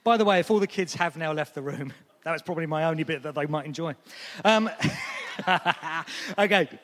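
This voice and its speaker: A man in his thirties delivers a chatty sermon, mixing friendly asides with scripture. His voice sits a little high for a man. The sound carries the long echo of a church hall. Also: normal speed. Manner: lively, conversational, with asides and light laughs. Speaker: preacher.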